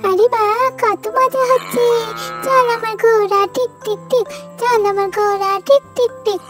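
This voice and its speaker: A woman voicing a mischievous little child in a storybook doll story, calling out in a high, whiny way. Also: steady tone, normal speed, music in the background. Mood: gleeful. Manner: high childish whining calls.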